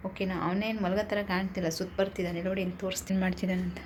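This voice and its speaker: A woman's voice: mid-range voice, little pitch movement, very fast. A woman with a Malnad Kannada accent chatting casually to her viewers at home and coaxing her little son in playful baby talk. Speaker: vlogger. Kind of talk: casual home vlog chat. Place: home indoors. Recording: noisy home phone recording.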